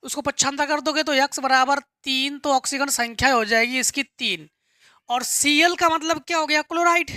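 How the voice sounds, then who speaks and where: Pitched high and sounding pushed and bright, a woman teaches chemistry step by step at a moderate pace, patiently asking and answering her own questions and repeating key terms. The audio is clean studio sound with no echo.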